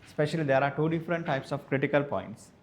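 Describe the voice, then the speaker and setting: A male maths teacher, dictating lecture notes slowly and repeating each phrase so students can write it down. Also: a little high, lively intonation, a little hiss or hum. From Sri Lanka. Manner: repeats phrases slowly for note-taking, spells words out.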